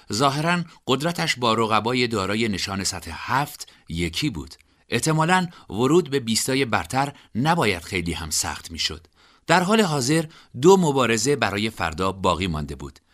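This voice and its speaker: A man narrating an audiobook in an expressive storytelling manner. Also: medium pitch.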